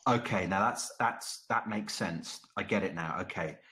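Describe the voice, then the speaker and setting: A low-voiced man hosts a live voice chat. He questions his guest hesitantly, with plenty of ums and repeated words. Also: normal speed, sharp tone.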